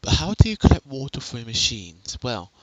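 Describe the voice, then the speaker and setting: A man's voice: mid-range voice, big pitch swings, brisk, heavy background noise. A young man casually narrating a game tutorial on a headset at home, rambling and correcting himself as he goes. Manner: rambling, self-correcting, chatty.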